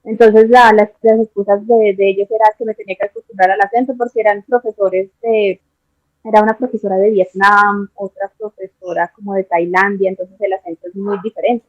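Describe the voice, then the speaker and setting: A young Colombian woman with a Colombian accent, telling her story as an interview guest in a casual, animated way and acting out the exchanges she quotes. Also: medium pitch, fairly quick, no echo. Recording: tinny dry phone-like line.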